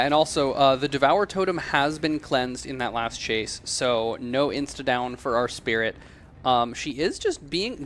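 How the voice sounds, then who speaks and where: A man giving excited, analytical live commentary on a video game match as an esports caster. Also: mid-range voice, a little hiss or hum.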